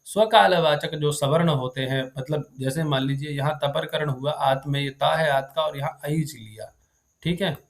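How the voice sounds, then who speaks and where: A man with a slightly high voice teaches Sanskrit grammar in a classroom. He fires questions at his students and keeps asking whether the point is clear. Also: normal speed. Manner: keeps checking if students understood. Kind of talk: live classroom lecture.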